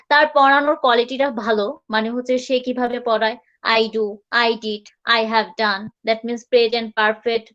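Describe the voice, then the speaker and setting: A fairly high-voiced woman leads a live online English class, talking casually and saying words slowly, over and over, for students to copy. Her voice comes through a dull, lo-fi connection. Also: fairly bright tone. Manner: chatty, repeats words slowly to model pronunciation. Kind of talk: live class teaching pronunciation.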